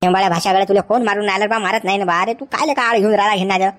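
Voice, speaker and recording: A woman, playing a flustered middle-aged village uncle who scolds excitably. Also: mid-range voice, racing, lightly acted.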